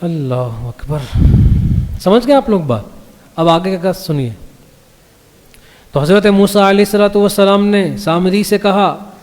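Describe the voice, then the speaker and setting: High-voiced man teaching in an echoing hall. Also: a little mellow. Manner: explains verse by verse, keeps checking the listeners understand; recites the Arabic verses slowly before translating them. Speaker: Quran teacher. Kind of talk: Quran commentary class. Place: mosque hall. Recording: long reverb of a mosque hall.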